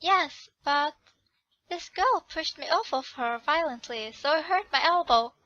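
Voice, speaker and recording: A rude, arrogant young prince from a romance visual novel, haughty and quick to insult, as a woman reads him out. The voice stays high and bright, slow and unhurried. The recording is dry and a little dull. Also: animated, no echo, heavily acted.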